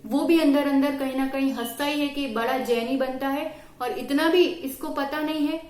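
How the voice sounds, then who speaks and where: High-voiced woman giving a firm moral lecture. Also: fairly even intonation, moderate pace, a little mellow, reverberant. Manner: earnest and firm, mixing English phrases into Hindi. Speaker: religious teacher at a study camp. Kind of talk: moral lecture to young people.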